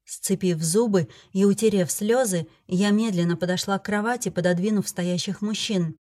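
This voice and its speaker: A woman narrating a first-person fantasy audiobook in an expressive, emotional way. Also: mid-range voice, normal speed.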